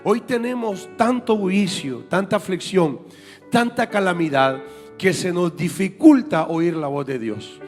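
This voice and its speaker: A man's voice: sits high, expressive, a little slow, in a large hall, faint music behind. A man preaching a sermon in church as an apostle, emphatic and repeating his key points to the congregation. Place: church sanctuary.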